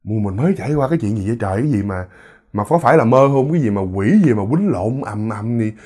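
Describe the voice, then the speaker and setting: A man voicing a frightened young pregnant woman muttering to herself in a hushed, bewildered way. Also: fairly low pitch, expressive, quick pace, husky, pitched below the performer's own voice.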